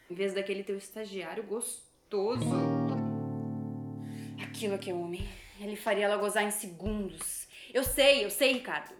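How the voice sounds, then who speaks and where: A woman's voice: high-pitched, sing-song, normal speed. A woman acting a bitter, sarcastic wife who accuses her husband. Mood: taunting. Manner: sarcastic and cutting, bursting into screams. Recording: roomy sound with guitar music.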